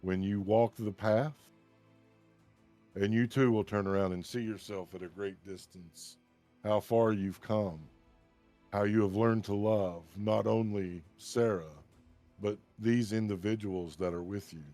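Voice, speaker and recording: A man narrating a tabletop game as game master, in a slow, solemn storytelling manner. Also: fairly low pitch, steady tone, mellow, soft background music.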